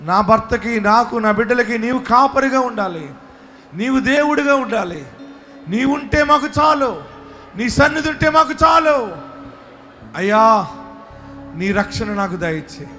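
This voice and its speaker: A male pastor leading a congregation in prayer at a live service, dropping to hushed pleas and then shouting bold declarations. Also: high-pitched.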